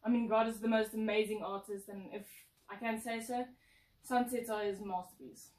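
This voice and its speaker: A late-teen South African woman, a co-presenter, is interviewed in a casual chat while seated on a couch on an indoor lounge set. She's warm, playful and emphatic, with a mid-range voice, steady tone and normal speed. A distant camera mic picks her up with roomy echo.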